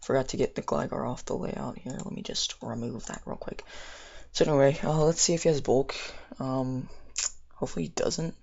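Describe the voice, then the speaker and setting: A young man talks through his game in a loose, slangy ramble. His mid-pitched voice crackles with vocal fry and his speech is slightly impeded. The recording is muffled and lo-fi, with keys clicking as he plays. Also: normal speed, darkish tone. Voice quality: slightly impeded speech from orthodontic appliance in mouth. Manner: rambling, thinking aloud, slangy. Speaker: gamer narrating own battle. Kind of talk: casual live game commentary.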